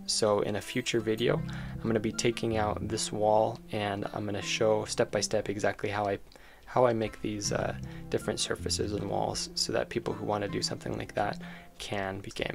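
A low-leaning, gravelly male voice narrates a demo of the speaker's own game, informal and eager, as he thinks through things aloud. Background music accompanies him.

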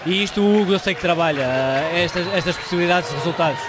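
A man's voice: sits high, fast. A man with a European Portuguese accent giving live sports analysis as co-commentator, hesitating and repeating words as he explains. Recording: loud crowd noise in sports hall. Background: crowd and arena noise.

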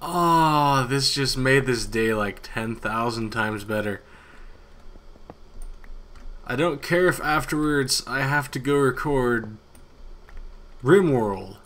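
A man giving casual, excitable commentary over his own gameplay, yawning and talking to himself. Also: mid-range voice, slow, long pauses. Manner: chatty and excitable, talks to himself, hums along. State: sleepy, yawning. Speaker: gaming YouTuber.

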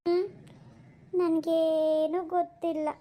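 Woman doing young mother, grief-stricken, sobbing, very high-pitched cartoon voice. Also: flat delivery, slow pace, mellow. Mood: distraught. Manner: sobbing, pleading. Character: young mother, grief-stricken over her missing baby. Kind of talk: cartoon voice acting.

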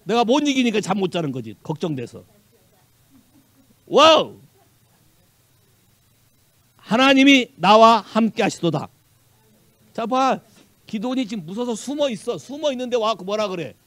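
Animated high-voiced Korean pastor preaching. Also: male voice, fast, no room sound. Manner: animated preaching, mixing Korean with English phrases, quizzing the congregation. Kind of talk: sermon. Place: church sanctuary.

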